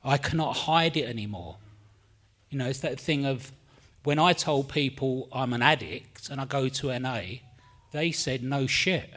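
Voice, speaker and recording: At a support meeting held in a meeting room, a middle-aged Londoner with a London accent tells his story in a rambling, candid way, swearing freely and owning up to being nervous. His voice is medium-pitched and a bit bright, at a measured pace.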